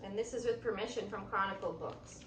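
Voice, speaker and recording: A woman reads a children's picture book aloud expressively, then explains it like a teacher, pointing things out as she goes. She speaks briskly at medium pitch. The mic is distant, the room has an echo, and there's faint noise.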